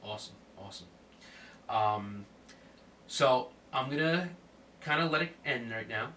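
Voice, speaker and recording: A podcast host keeps a casual chat going in a laid-back way, full of fillers and laughs, his nose stuffed up from a cold. His medium-pitched voice has lively intonation and a sharp tone, and he speaks unhurriedly. He sits far from the mic, with slight background noise.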